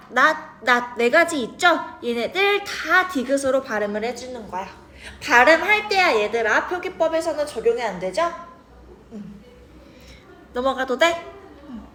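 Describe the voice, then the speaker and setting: Woman teacher, high voice, chatty, keeps asking students if they follow. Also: pushed and bright, a little hiss or hum. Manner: chatty, checks in with students often. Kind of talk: grammar lesson to students.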